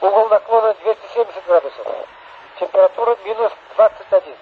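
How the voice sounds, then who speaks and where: A man reading out a weather report over a two-way radio, listing figures in a steady, clipped radio-procedure manner. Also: sits high, fast talker. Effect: heard over a walkie-talkie radio. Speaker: radio operator. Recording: tinny crackly radio transmission.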